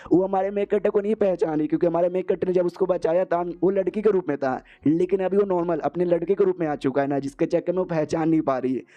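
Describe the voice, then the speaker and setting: A man's voice: high voice, quick pace, hardly any pauses, dull audio. Slangy male anime recap narrator. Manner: slangy, crude, storytelling. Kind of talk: casual anime story recap.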